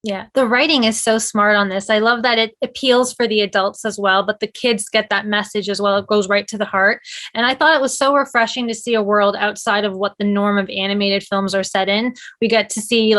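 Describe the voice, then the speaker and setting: A woman's voice: mid-range voice, steady tone, brisk, a bit bright. A woman hosting a casual entertainment interview, speaking in an enthusiastic, conversational way.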